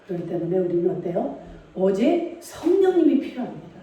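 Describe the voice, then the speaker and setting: Very animated and fairly quick, a woman with a warm, medium-pitched voice preaches in a church sanctuary. She is emphatic and throws rhetorical questions at the congregation. The audio is dull, and a far-off mic catches the echo of the hall.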